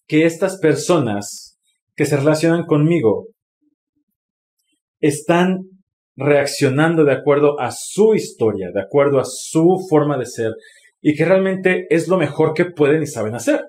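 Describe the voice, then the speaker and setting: A man's voice: a little high, animated, unhurried, a little mellow. A man with a Mexican Spanish accent telling a personal story candidly, with swearing and lots of expression. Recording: roomy echo.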